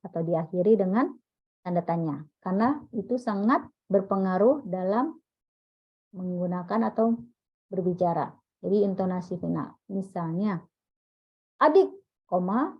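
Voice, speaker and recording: A woman's voice: fairly low pitch, moderate pace. Woman teacher lecturing on dull audio. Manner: explains step by step, quizzing listeners. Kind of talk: classroom lecture.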